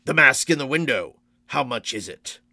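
A man's voice: mid-range voice, animated, normal speed, vocal fry, sharp tone, no room sound, heavily acted. A man voicing a bitter, rude scarred man who talks curtly and insistently, in a storybook reading. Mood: demanding. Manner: curt, insistent, distrustful.

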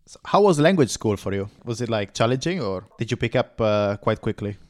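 A man's voice: fairly low pitch, expressive, fairly quick, darkish tone. A man hosting a podcast interview, asking short follow-up questions and reacting. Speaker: podcast host.

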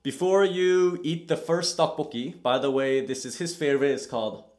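A man's voice: fairly high pitch, normal speed, darkish tone. A man hosting a casual podcast interview, teasing his guest playfully and laughing often. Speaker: podcast host. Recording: roomy echo.

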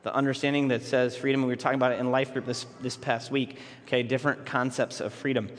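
A man's voice: mid-range voice, little pitch movement, fast. Preaching man in a reverberant hall. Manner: conversational preaching with frequent restarts. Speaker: pastor. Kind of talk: sermon.

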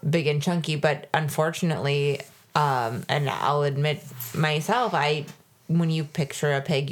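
A woman co-hosting a podcast in casual chat, rambling along with plenty of fillers and restarts. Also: low voice. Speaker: podcast co-host.

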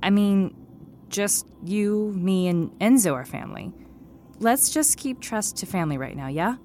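A woman's voice: mid-range voice, animated, measured pace, mellow, a little hiss or hum, lightly acted. An actress playing a tough, protective young woman with a wry way of talking, in an audio drama.

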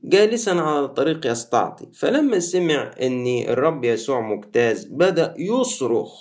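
An Egyptian priest delivers a sermon, talking to his congregation as if in conversation. His voice sits at an ordinary middle pitch for a man. He slips from everyday phrasing into formal, scriptural wording and back again. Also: very animated, moderate pace, darkish tone. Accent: Egyptian Arabic. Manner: conversational preaching, switching between colloquial and formal Arabic. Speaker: Coptic Orthodox priest.

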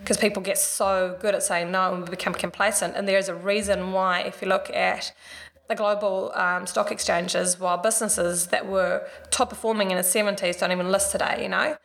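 A middle-aged Swedish business founder with a Swedish accent chats casually through her interview answers, scattering "like" and "you know" throughout. Her medium-pitched, fairly bright voice has vocal fry, a level tone, and a normal pace.

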